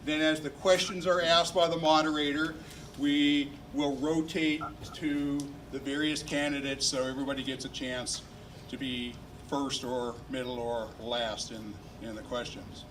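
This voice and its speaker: A neighborhood liaison introduces a candidate forum, making announcements in a community meeting room. He talks plainly and steadily, unhurried, with a medium pitch, little pitch movement and some fillers. The recording is distant, with faint room noise.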